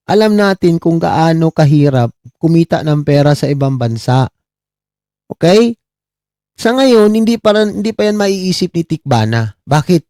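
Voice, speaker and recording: A middle-aged man from the Philippines doing casual live-stream commentary, mocking his subjects, asking "di ba?" again and again and giving shout-outs to viewers. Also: fairly high pitch, no echo, clean studio sound. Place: abroad, talking on a live stream.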